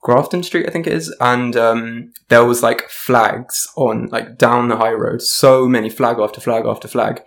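Chatty man with a gravelly voice. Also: medium pitch, steady tone, normal speed, hardly any pauses. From half Irish, half Indian family. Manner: chatty, enthusiastic, many fillers like "like". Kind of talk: casual chat.

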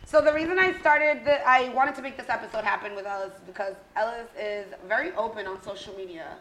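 A woman's voice: on the high side, fast, a bit bright, echoey room, slight background noise, low-quality recording. A woman in her thirties hosting a casual group podcast chat in a candid, joking, unfiltered way. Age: 30s. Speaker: podcast host.

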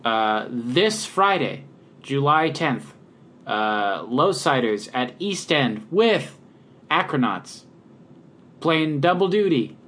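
Easygoing man with a halting delivery. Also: medium pitch. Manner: relaxed, hesitant with many ums and uhs. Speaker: podcast co-host and local musician. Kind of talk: casual podcast chat.

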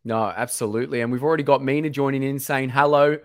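A man hosting a live-streamed interview show, reading out viewer comments and agreeing warmly with his guest. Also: mid-range voice, steady tone, fast talker, dry recording, studio quality.

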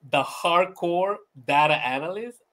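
A high-pitched, fairly bright male voice at a measured pace belongs to a laid-back podcast guest born in Venezuela. Chatty and quick to laugh, he peppers the casual interview with "you know" and frequent restarts.

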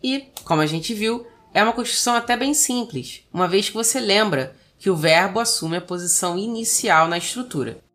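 A woman narrates a scripted English lesson as the teacher, saying each English example sentence slowly and carefully. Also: medium pitch, lively intonation, a bit bright. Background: faint background music.

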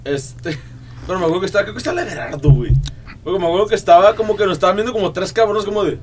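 A man's voice: high voice, rapid-fire, slight background noise. A young man with a Mexican Spanish accent banters with friends in crude slang. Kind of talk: casual chat among friends.

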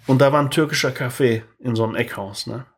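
A man in his thirties co-hosting a podcast, telling a story in lively casual chat and tagging his sentences with "ne?". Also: mid-range voice, fast, a little hiss or hum. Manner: animated, tags sentences with "ne?". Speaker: podcast co-host.

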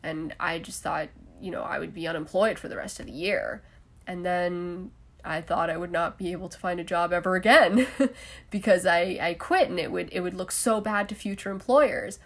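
A woman's voice: fairly low pitch, moderate pace, vocal fry. A young adult woman hosting a solo podcast in a casual, chatty way, with frequent laughs and fillers. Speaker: podcast host.

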